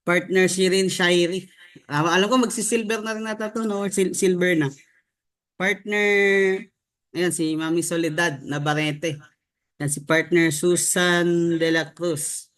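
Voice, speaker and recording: A man's voice: high-pitched, steady tone, a little slow, a bit bright. Chatty young man on a video call. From Philippines. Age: young adult. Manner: chatty, reads out names with frequent "no?" and "di ba?". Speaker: online business trainer. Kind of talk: casual motivational online training. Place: home room with a staircase behind.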